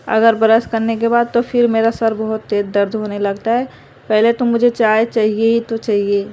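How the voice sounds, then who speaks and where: A woman's voice: on the high side, darkish tone. Chatty young woman narrating home chores. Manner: chatty, rambling, fillers of "matlab". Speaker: vlogger, mother. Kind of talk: casual home vlog narration.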